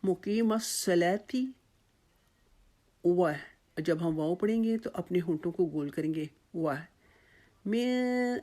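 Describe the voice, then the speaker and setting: A Quran recitation teacher giving a tajweed pronunciation lesson, patiently explaining each sound and then modelling it with slow, drawn-out repetitions of the words. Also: mid-range voice, warm tone. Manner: patient, explains then demonstrates by slowly repeating each word.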